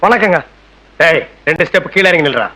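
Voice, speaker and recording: A man's voice: fairly high pitch, expressive, brisk, noisy background, close to an everyday voice. A man playing a domineering local strongman who scolds and orders others around. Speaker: bossy local strongman in film. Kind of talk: film comedy dialogue.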